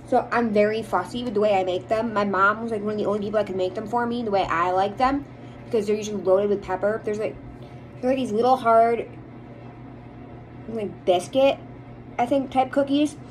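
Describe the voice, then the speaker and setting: A woman's voice: mid-range voice, fairly even intonation, fairly quick, a little hiss or hum, poor audio. An American woman chatting casually to viewers in a rambling, opinionated way, as a vlogger does. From United States. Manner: rambling, chatty, emphatic about likes and dislikes. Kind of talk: casual chit-chat to viewers.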